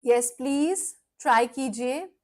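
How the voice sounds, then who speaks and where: A young woman with an Indian accent teaching English vocabulary in a live online class for children, explaining slowly and patiently while she mixes Hindi and English. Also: high-pitched.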